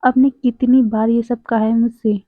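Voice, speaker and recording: A woman's voice: on the high side, little pitch movement, normal speed, no echo, lightly acted. A woman reading the lines of a sulky, irritated young man in a storytelling narration, pouting and complaining. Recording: dry, tinny phone-like audio.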